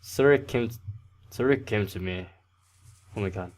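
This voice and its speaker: A man with a fairly low voice reads game text aloud in a loose, casual way. He stumbles on words and corrects himself as he goes, in an unpolished gaming-video style. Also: moderate pace. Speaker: let's play host. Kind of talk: reading a visual novel aloud.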